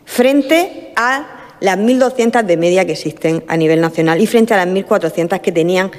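Woman legislator, brisk and pointed, recorded in an echoing chamber. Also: medium pitch. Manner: brisk, argumentative with figures. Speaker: regional politician. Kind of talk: speech in parliament. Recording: long hall reverb.

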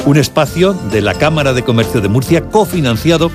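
A man's voice: mid-range voice, lively intonation. Man announcing a radio program over music. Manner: measured announcing. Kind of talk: scripted radio intro.

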